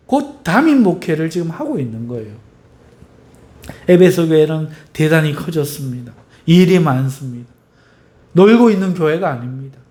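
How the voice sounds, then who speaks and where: High-voiced man preaching a sermon. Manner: preaching with rhetorical questions to the congregation; emphatic, swinging in pitch and loudness. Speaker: pastor.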